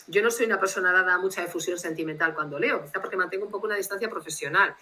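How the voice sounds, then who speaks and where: A woman translator, telling anecdotes in a lively way and acting out dialogue over a video call. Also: fairly low pitch, very fast, poor audio. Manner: lively anecdotal storyteller who acts out dialogue. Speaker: literary translator, guest. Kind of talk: casual storytelling interview.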